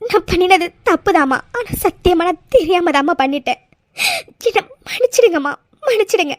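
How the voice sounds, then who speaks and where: A woman voicing a mother in a cartoon who pleads and apologises in a soft, tearful way. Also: very high voice, a little fast, dry recording, clean studio sound. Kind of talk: cartoon voice acting.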